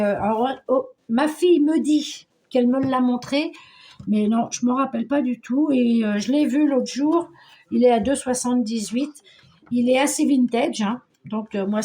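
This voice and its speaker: A woman's voice: fairly high pitch, a little mellow. A middle-aged woman from Paris chatting casually about her craft haul, hesitant, with many fillers and restarts. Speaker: scrapbooking vlogger. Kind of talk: casual show-and-tell chat.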